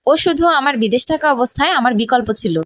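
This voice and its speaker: A woman's voice: high voice, quick pace, no echo, natural voice. A woman voicing a scheming, jealous young female rival, reading her lines plainly. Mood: scornful.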